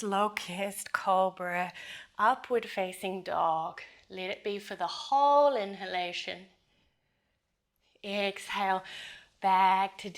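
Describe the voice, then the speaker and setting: A yoga instructor with a mid-range voice leads a flow, giving breath cues in a steady, measured, gentle cadence.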